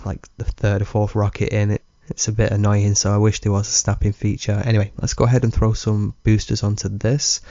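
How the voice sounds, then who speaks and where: A man giving relaxed, rambling commentary on his game, chuckling often. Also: fairly low pitch, fairly quick, hardly any pauses, dry recording, dull audio. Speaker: let's play gamer. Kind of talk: casual gameplay commentary.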